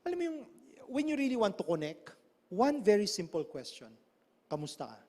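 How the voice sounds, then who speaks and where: A middle-aged Filipino man preaches in a high, lively voice, throwing question after question at the audience. His words echo with a long hall reverb. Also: moderate pace. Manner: animated, switching between English and Tagalog, asks the audience many questions. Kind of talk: sermon.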